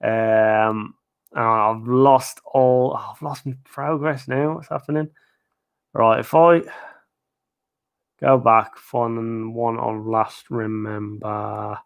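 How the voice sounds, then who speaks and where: His mid-range voice is gravelly yet clear and resonant, though it's wearing down as he loses it. He's a theme park video creator at home in his living room, hosting a casual live-stream Q&A where he rambles chattily with plenty of fillers and chuckles.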